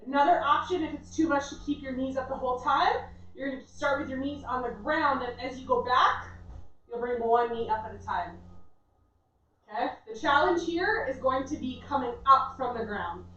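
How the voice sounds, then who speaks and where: A woman's voice: high-pitched, normal speed, sharp tone. A woman fitness instructor giving workout instructions in an encouraging, reassuring way. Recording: echoey room, distant dull mic, faint noise.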